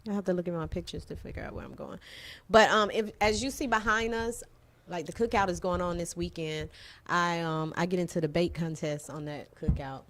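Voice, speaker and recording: Female TV co-host, low-ish voice, slangy, teasing banter, faint studio noise. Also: a bit bright. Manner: playful, teasing, talks in quick bursts with slangy phrasing. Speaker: talk show co-host. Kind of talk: casual banter on a TV talk show. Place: TV studio with event flyers on the wall.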